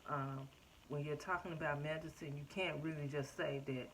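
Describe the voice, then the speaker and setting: A woman in her thirties giving a casual, chatty update to her viewers, filling pauses with "um" and "like" and calling them "y'all". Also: low-pitched, steady tone, slight background noise, poor audio. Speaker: vlogger. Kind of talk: casual personal update to camera. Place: home.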